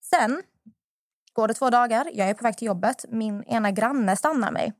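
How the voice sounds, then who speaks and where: A young woman hosting a podcast, telling a personal story in a lively, animated way. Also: on the high side, no room sound, clean studio sound. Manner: animated anecdote-telling, acts out what others said. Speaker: podcast host. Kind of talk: casual storytelling.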